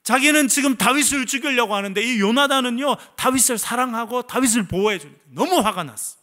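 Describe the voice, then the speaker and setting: A male pastor preaching a sermon with animated storytelling, asking the congregation questions as he goes. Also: very high voice, fairly quick. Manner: animated storytelling preacher, voices the quoted figures. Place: church service.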